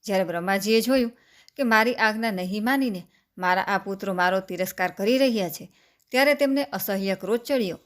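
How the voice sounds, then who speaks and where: A woman reading a devotional scripture story aloud. Her recitation is steady and measured, and she slows down over long lists of sacred names. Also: mid-range voice. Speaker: scripture reader.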